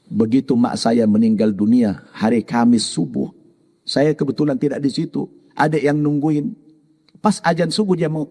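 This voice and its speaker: A middle-aged male preacher telling a personal story in a sermon, animated and acting out the voices in it. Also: mid-range voice, in a large hall. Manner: animated, voicing his mother and others in quoted dialogue.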